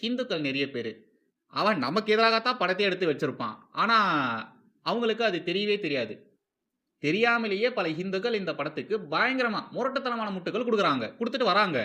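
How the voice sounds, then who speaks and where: A man with a Tamil Nadu accent hosts a film commentary series, giving informal, opinionated takes that are emphatic and repetitive, full of rhetorical questions and English phrases mixed in. His voice is high-pitched, bright and forceful, with lively intonation and a fairly quick pace.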